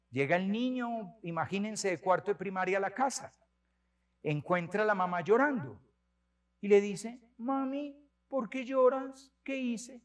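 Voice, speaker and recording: A priest in his sixties giving a sermon, telling stories with animated delivery and repeating words for emphasis. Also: sits high. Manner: animated storytelling, many repetitions.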